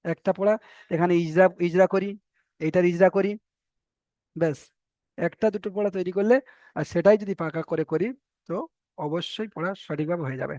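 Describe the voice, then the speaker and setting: A man teaching a Quran reading lesson, spelling out Arabic letters and patiently repeating each syllable slowly for his students. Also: high voice, warm tone, no echo, muffled recording. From Bengal.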